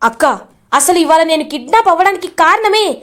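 A woman voicing a hot-headed young man who shouts accusations at his brother-in-law, in a high voice. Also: expressive, brisk. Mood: furious.

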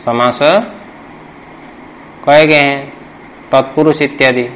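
A man's voice: mid-range voice, steady tone, slow, a bit bright, slight background noise, low-quality recording. A man teaching Sanskrit grammar in a traditional classroom lesson, repeating points and quizzing students for answers.

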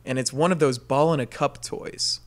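A man co-hosting a casual comedy podcast, reading out a listener's dream as an animated storyteller who laughs often. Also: mid-range voice, moderate pace.

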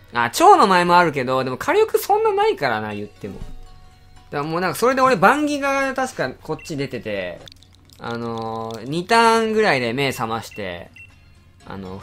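A man commenting live on a game he is playing, his voice swinging widely in pitch as he exclaims and grumbles at what he sees. Faint music plays behind him. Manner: excitable, exclaiming reactions and rapid grumbling. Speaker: game channel host.

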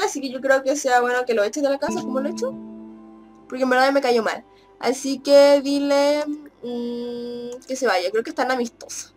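A young woman chatting casually as she plays a life-simulation game, laughing and teasing the characters. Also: on the high side. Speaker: gaming YouTuber. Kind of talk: casual Let's Play commentary. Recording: faint background game music.

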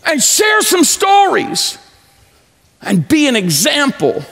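A pastor in his forties preaching a sermon on a large church stage, pacing as he talks and swinging from loud to low. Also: huge pitch swings, slow pace. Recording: echoey church hall.

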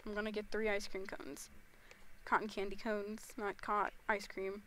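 A woman's voice: medium pitch, flat delivery, normal speed, a bit bright, a little hiss or hum. A teenage girl streaming a game, talking casually and rambling with lots of fillers. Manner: rambling, chatty, full of fillers like "you know" and "like". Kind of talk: casual game livestream chat.

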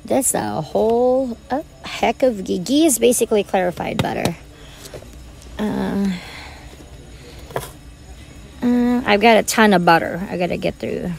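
A woman's voice: mid-range voice, normal speed, vocal fry, background noise. A woman vlogging as she shops in a large store, chatting to her viewers in a rambling, casual way. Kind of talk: casual chat while shopping.

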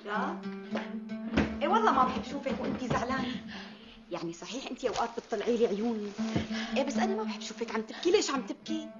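A teasing Damascene co-wife. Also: female voice, fairly high pitch, very animated, racing, long pauses, highs cut off, loud music behind the voice. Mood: coaxing. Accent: Damascene Syrian. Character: sharp-tongued co-wife, quarrelsome yet soft-hearted. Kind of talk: TV period drama acting.

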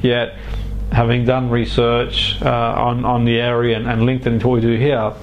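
A man speaking as a hypnotherapist to a client, guiding and explaining in halting, deliberate phrases with pauses. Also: mid-range voice, completely flat delivery, highs cut off, a little hiss or hum. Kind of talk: guided relaxation and explanation to a client.

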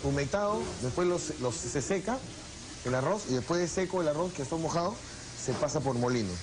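This Peruvian chef, middle-aged and fairly high-pitched, speaks unhurriedly and repeats himself while working the stove in a restaurant kitchen, explaining his dishes. Then he reminisces about home cooking from the dining room, with restaurant noise throughout.

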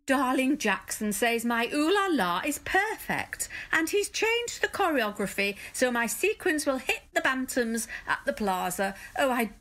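A woman's voice: high-pitched, sing-song, measured pace, fairly bright tone, full character voice. A woman playing a gushing socialite. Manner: gushing, showy. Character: affected glamorous socialite Arabella.

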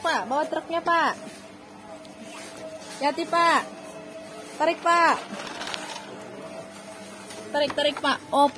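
A woman filming children for a family vlog, cooing, cheering and laughing often as she talks to them. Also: sits high. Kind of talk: casual family vlog chatter.

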